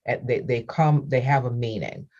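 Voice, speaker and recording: A woman's voice: extremely low pitch, normal speed, dark tone. A middle-aged woman hosting an interview over a video call, chatting freely, laughing often and repeating her words. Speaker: interview host. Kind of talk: casual interview chat. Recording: dull lo-fi call audio.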